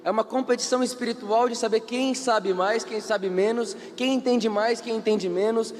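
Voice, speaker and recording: A man with a Brazilian Portuguese accent preaching a sermon in an animated way, acting out the people in the story and asking the audience questions. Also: very high-pitched, normal speed, long reverb tail. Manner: animated, acts out quoted characters, asks the audience questions.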